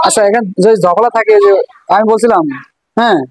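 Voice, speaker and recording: A woman's voice: fairly high pitch, fast talker, background noise. A woman teacher with a Bangladeshi Bengali accent, leading a classroom math lesson, asking questions and repeating answers.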